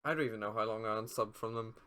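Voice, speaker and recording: A young man co-hosting a podcast who teases his friend with dry, offhand jokes. His voice sounds bright and sharp. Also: on the low side, fairly even intonation, very fast, smooth. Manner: teasing, dry quips. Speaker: podcast co-host. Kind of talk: casual chat.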